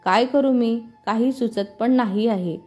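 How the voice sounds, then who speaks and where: A woman voicing a calm young male boss. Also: fairly high pitch, a little slow, soft background music. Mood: smitten. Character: young man, office boss, smitten and calm.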